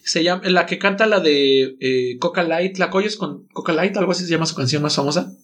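High-voiced Mexican man, laughing co-host. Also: a little fast, fairly bright tone. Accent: Mexican Spanish. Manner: laughs often, playful and crude. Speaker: podcast co-host. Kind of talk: casual chat.

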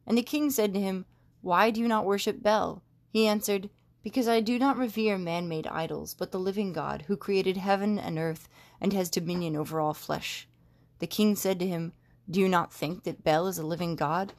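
A woman reading a scripture passage aloud in a measured, steady way. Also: mid-range voice. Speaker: scripture reader.

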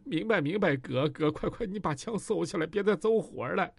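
A man's voice: high-pitched, expressive, moderate pace, creaky, slightly rough, no echo, voice pushed up, full character voice. A man voicing a cowardly, fawning male gang boss who stammers and pleads. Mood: panicked.

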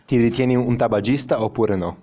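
A man's voice: mid-range voice, a little fast, warm tone. A young man co-hosting a podcast, putting questions to a guest in a casual interview style. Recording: dull lo-fi sound.

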